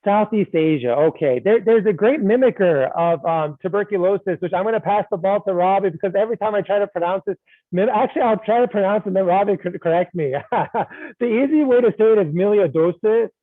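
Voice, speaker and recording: A man's voice: high-pitched, fairly quick, no room sound. A man thinking aloud through a medical case on a video call, playful and self-deprecating. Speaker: case discussant. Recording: tinny phone-like line.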